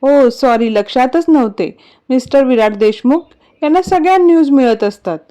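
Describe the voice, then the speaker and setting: Woman voicing a sweet young wife in a storybook reading, soft coaxing tone, high pitch. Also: animated, moderate pace.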